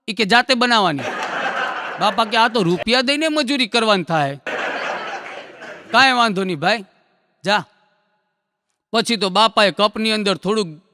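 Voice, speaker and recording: A man telling jokes on stage, in folksy storytelling that acts out characters in quick dialogue. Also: high voice, sharp tone, no echo, studio quality, long reverb tail. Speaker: stand-up comedian.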